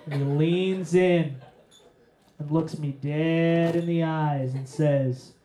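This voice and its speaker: Young male stand-up, slightly high voice, dry profane storytelling, echoey venue. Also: slow pace, a little hiss or hum. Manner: profane, deadpan build to punchlines. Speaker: stand-up comedian. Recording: roomy echo.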